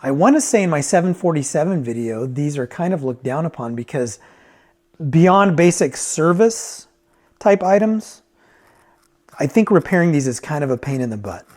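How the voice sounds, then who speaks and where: With a fairly high-pitched, animated voice of darkish tone and a moderate pace, a man offers an informal product review. As a reviewer and repairer, he keeps it conversational, working through his thoughts out loud.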